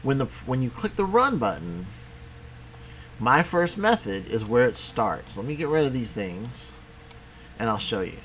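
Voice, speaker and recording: A man teaching a programming lesson in a casual, conversational way, talking as he clicks through software. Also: medium pitch, sing-song, unhurried, a little hiss or hum. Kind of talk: screen-recorded coding tutorial.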